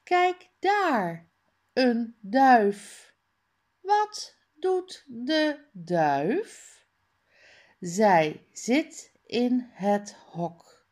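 Woman reading teacher, fairly high voice, slow and deliberate, stretching sounds for young learners. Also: very animated, darkish tone. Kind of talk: slow early-reading lesson, sounding out words.

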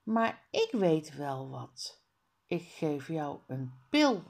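A woman voicing a calm female schoolteacher in a children's book she reads aloud, speaking softly and quietly with gentle firmness. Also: low-pitched, extremely slow, creaky, pitched below the performer's own voice, heavily acted. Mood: patient. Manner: soft, quiet, gently firm.

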